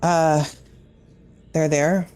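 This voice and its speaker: A woman's voice: deep voice, little pitch movement, drawn-out words, mellow, smooth. A woman player in a tabletop horror game, speaking firmly and steadily in character and narrating her agent's actions.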